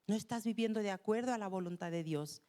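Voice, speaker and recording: A woman's voice: medium pitch, fast talker, dark tone. A woman preaching a sermon to a congregation in a conversational way, often turning to them with questions. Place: church.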